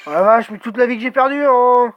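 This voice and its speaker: Swearing gamer man, excitable commentary. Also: very high-pitched, a little fast, dull audio, faint music behind. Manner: swears a lot, excited exclamations, talks to himself. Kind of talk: let's play commentary.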